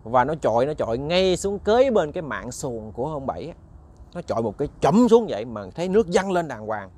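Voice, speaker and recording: A man's voice: on the high side, very animated, brisk, a little mellow. A man with a Southern Vietnamese accent, hosting and casually telling a ghost story straight to his listeners, often repeating words as he searches for the next one. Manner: chatty, repeats words while searching, addresses listeners directly. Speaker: ghost story narrator, channel host.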